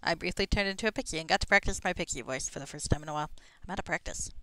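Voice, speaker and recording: A woman's voice: fairly low pitch, racing, bright, forceful tone, dry recording. A woman giving casual gameplay commentary as a streamer, musing wryly to herself with plenty of swearing. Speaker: game streamer. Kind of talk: casual gameplay commentary, reading dialogue aloud.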